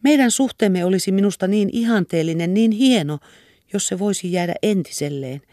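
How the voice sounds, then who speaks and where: A woman's voice: mid-range voice, lively intonation, warm tone, no echo, studio quality, pitched above the performer's own voice, natural voice. A woman reader voicing an anxious young woman who pleads tenderly and earnestly. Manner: earnest and imploring.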